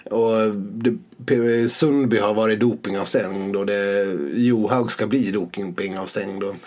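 A man talks in a slightly breathy, husky voice. He rambles through a casual podcast chat, breaking into laughter and tossing in swear words. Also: on the low side, steady tone, darkish tone. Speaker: podcast co-host.

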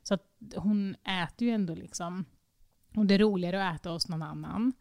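Dry, even-voiced Swedish woman chatting. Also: on the low side, creaky, dry recording. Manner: animated storytelling, acts out her child's voice. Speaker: podcast host. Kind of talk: casual chat.

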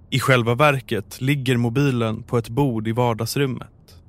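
A man narrating a true crime story in a calm, measured, scripted way. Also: mid-range voice.

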